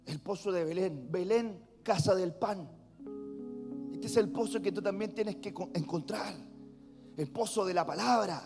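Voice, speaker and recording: A man's voice: high voice, measured pace. A male pastor from Chile with a Chilean Spanish accent, preaching a sermon with emphatic repetition in a church meeting hall. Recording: long hall reverb with faint music.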